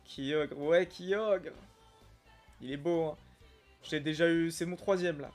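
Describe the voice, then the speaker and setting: A young man chatting casually on a live stream while opening trading card packs, reacting with excitement and greeting viewers by name. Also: a little high, slow, faint music behind. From Algeria. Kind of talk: casual live-stream chat reading comments.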